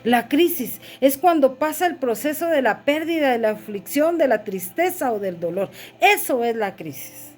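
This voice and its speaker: A woman's voice: high-pitched, lively intonation, normal speed, few pauses, faint music behind. A middle-aged woman pastor preaching a sermon, calling listeners "brother" and asking rhetorical questions.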